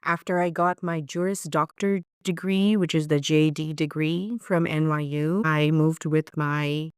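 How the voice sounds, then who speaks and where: A woman's voice: deep voice, fairly even intonation, a little slow, smooth, no echo, clean studio sound. A woman from Bangladesh, a corporate lawyer, telling her story earnestly as a podcast guest. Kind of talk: podcast interview.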